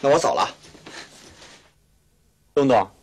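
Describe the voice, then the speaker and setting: An actor playing a young father who pleads and argues gently with his elder sister. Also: medium pitch, animated, takes it slowly. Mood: pleading. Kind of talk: 1990s TV drama acting. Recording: noisy old TV soundtrack.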